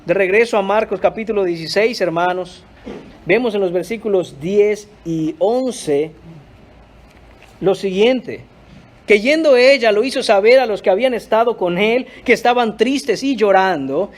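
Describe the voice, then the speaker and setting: High-voiced emphatic male preacher. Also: unhurried. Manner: emphatic, repeatedly addressing the congregation. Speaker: pastor. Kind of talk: sermon.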